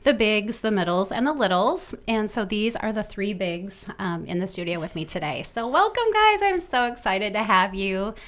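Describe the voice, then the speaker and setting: A woman's voice: mid-range voice, fairly bright tone. Middle-aged woman from the American Midwest, podcast host, bubbly and gushing, mid-range voice. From Midwestern United States. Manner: bubbly, gushing, quick laughs. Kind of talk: casual family chat.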